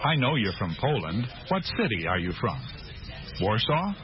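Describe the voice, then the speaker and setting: An actor playing a friendly American news reporter, speaking simply and patiently in an English-lesson drama with an American accent. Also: male voice, fairly low pitch, big pitch swings, moderate pace, noisy background. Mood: friendly, inquiring. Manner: clear, simplified, patient phrasing. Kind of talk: scripted language-lesson drama. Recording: muffled lo-fi lesson audio.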